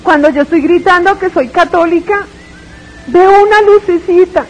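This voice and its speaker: Woman with a high voice telling her religious testimony, fervent and near tears. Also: normal speed, soft background music, low-quality recording. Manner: dramatic and tearful, retelling with fervor. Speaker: speaker giving a religious testimony.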